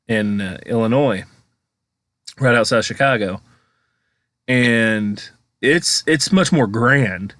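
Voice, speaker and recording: A man's voice: mid-range voice, fairly bright tone, dry recording. An American man giving a casual, chatty voice-over as a vlogger, rambling informally as he comments on exploration footage.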